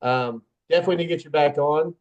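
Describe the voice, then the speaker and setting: A man's voice: a little high, fast, lo-fi sound. A man hosting a casual podcast who also coaches wrestling, telling stories in a rambling way, trailing off and laughing at himself.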